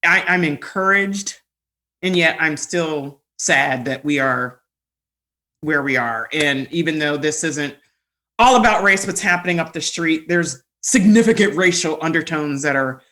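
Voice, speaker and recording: A woman guest on a podcast, telling stories in a rambling, animated way and laughing often. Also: deep voice, unhurried. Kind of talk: casual storytelling conversation.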